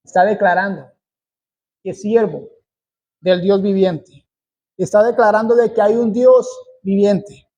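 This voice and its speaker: Slow, high-pitched preaching man. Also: fairly even intonation, dark tone. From Colombia. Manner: slow, deliberate preaching with emphatic repetition. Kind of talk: sermon.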